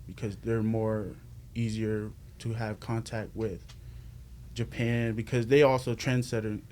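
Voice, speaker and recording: A man from the Bay Area in California, a guest on a casual podcast, talking about his fashion brand in a soft, unhurried way that trails off. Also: on the low side, flat delivery, a little hiss or hum.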